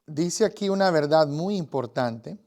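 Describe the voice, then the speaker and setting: A Guatemalan man who teaches evangelism gives an earnest Bible lesson in Guatemalan-accented Spanish, speaking straight to the listener with frequent fillers. His voice is a little high, expressive, and darkish, and his pace is a little slow.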